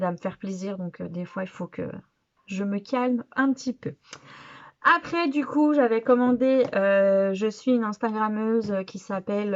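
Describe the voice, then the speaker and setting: A woman vlogger showing off her purchases in easygoing, chatty talk, with plenty of fillers and restarts. Her voice sits in a middle pitch. The sound is a touch dull, like a simple home recording. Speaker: beauty vlogger. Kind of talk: casual haul video.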